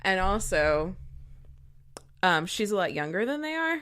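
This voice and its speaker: A woman's voice: medium pitch, very animated, unhurried, fairly bright tone. A woman co-hosting a podcast from a video call, rambling casually and laughing easily. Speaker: podcast co-host. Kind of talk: casual chat. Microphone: remote video call.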